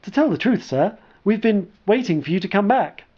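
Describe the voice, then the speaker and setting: A man's voice: sits high, animated, normal speed, lo-fi sound, pitched above the performer's own voice. A man playing a nervous young lieutenant. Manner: polite, hesitant, anxious to please.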